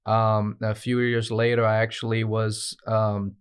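In a podcast studio with a branded backdrop, a dispatch manager from Brazil, a man in his thirties with a Brazilian Portuguese accent, tells his story as an interview guest. He sounds earnest and fills his speech with frequent "uh" and "um" pauses, in a lowish, smooth, monotone voice picked up by a desk podcast mic on a stand.

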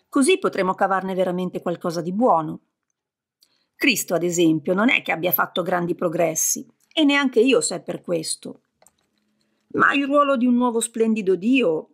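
A woman reading the lines of a dreamy, wistful male deity in an audiobook, musing and earnest, with a husky, gravelly voice. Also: fairly low pitch.

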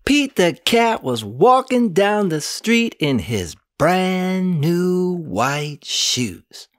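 A woman reading a picture book aloud for young children, expressive and questioning, with sung refrains in the story. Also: fairly low pitch, drawn-out words. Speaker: storybook narrator. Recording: music behind the voice. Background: guitar music.

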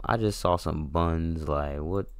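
A man's voice: rumbling low, slow pace, loud music behind the voice. A man reacting to a video for a stream, talking crude, mocking and slangy. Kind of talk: casual reaction commentary.

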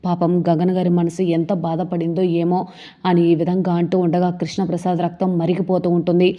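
A woman retelling a TV serial episode, reading every character's lines in her own steady voice. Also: fairly low pitch, a little fast, lo-fi sound. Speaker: serial recap narrator.

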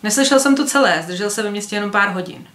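Brief: woman reading a curious innkeeper, quiet and distracted, a bit of room echo. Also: medium pitch, natural voice. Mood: musing. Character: calm, curious red-haired male innkeeper. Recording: roomy echo.

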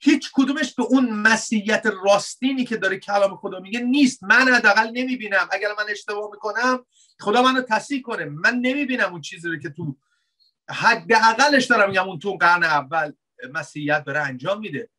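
A man preaching a conversational sermon, asking rhetorical questions and dropping into soft, wry asides. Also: high voice. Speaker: pastor.

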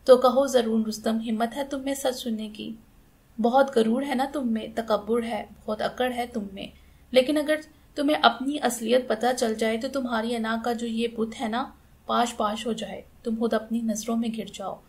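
A woman's voice: on the high side, steady tone, normal speed, creaky. A woman reading an audiobook, voicing a stern, furious middle-aged aunt who scolds harshly and commands.

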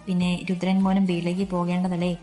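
A woman voicing a worried father who gently reassures his wife in an audiobook story. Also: fairly low pitch, completely flat delivery, brisk, soft background music, lightly acted. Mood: consoling.

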